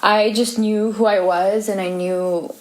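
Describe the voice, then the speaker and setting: A woman's voice: mid-range voice, fairly even intonation, unhurried, slight background noise. A woman in her twenties sharing a personal faith story in casual, earnest chat with many fillers. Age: 20s. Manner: earnest, filler-heavy, tearful in places. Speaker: co-host of a couple's channel.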